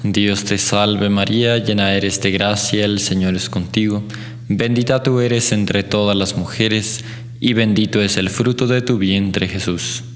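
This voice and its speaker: A man with an Ecuadorian accent leading a recited rosary in a chapel, in a measured, even chant. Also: lowish voice. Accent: Ecuadorian Spanish. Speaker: prayer leader. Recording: long chapel reverb.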